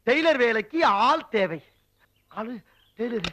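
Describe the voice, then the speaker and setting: A man's voice: very high voice, sing-song, fairly bright tone, heavily acted. An actor playing a hungry, luckless village tailor man who wails and pleads in a film comedy. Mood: gloomy. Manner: wailing, pleading, quick to panic.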